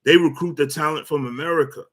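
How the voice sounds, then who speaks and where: A sports commentary host talks at a quick pace in a slightly high, a bit bright voice with fairly even intonation. His rant is loose and blunt, full of verbal stumbles, repetition and "uh" and "you know" as he heads toward his point.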